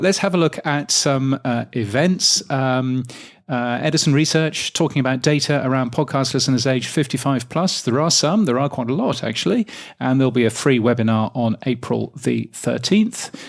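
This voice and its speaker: A man's voice: medium pitch, lively intonation, moderate pace, creaky. A British man co-hosting a podcast news show, chatting casually with plenty of ums and dry, wry asides. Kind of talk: casual chat.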